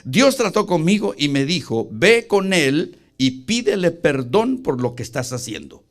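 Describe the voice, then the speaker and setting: A man's voice: a little high, sing-song, a little slow, faint music behind. A middle-aged man preaching a sermon, telling a personal story in an earnest way and calling the listeners brother. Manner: earnest, retells dialogue, addresses listeners as brother. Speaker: pastor. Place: church.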